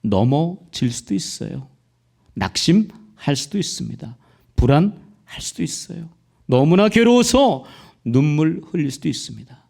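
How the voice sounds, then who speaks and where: Male pastor, fervent sermon delivery, slightly high voice, very lively pitch. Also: measured pace, vocal fry. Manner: impassioned preaching that rises to near-shouting peaks; addresses the congregation directly with repeated rhetorical questions.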